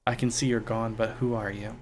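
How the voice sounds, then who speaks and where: A man's voice: lowish voice, level tone, brisk, darkish tone, a little hiss or hum. A man playing a game, reading dialogue aloud and commenting casually.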